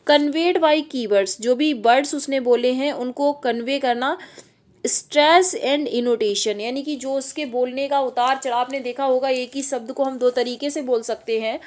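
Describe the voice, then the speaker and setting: High-pitched lady doing exam prep, reads english questions slow then explains, lots of okay. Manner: addresses the students directly, often checking with "okay". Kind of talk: online exam-prep lesson.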